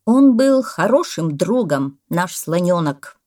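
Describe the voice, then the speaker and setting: A woman voicing a pompous male parrot who lectures loudly and exclaims often. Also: lowish voice, sing-song, slow. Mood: lecturing.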